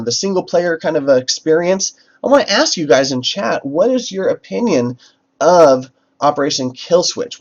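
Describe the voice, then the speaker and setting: A man's voice: fairly high pitch, darkish tone. Chatty male livestream host, lo-fi audio. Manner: chatty, many fillers and restarts. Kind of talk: casual livestream talk to chat. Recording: dull lo-fi stream audio with faint music.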